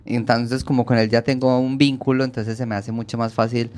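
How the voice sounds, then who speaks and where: A man's voice: little pitch movement, fairly quick, darkish tone. A young man co-hosting a casual, jokey podcast chat. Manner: playful, jokey, bursts into high laughs. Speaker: podcast co-host.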